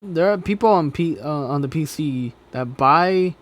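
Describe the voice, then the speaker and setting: A man giving an off-the-cuff ranting reaction, argumentative and sweary, often halting, stumbling and correcting himself. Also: a little high, lively intonation. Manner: halting, stumbling over words, self-correcting. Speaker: reaction commentator, gamer. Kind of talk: off-the-cuff ranting commentary on a video.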